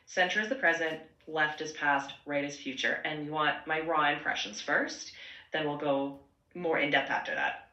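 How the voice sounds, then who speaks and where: A synthetic woman's voice as an AI assistant, replying conversationally in a measured, concise, reflective way. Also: low-pitched, sharp tone. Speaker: AI chatbot voice assistant. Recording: echoey playback in a room.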